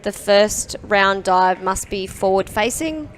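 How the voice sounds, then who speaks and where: A woman's voice: mid-range voice, expressive, slow pace. A woman giving live commentary as a sports commentator at a diving competition. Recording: background pool hall noise.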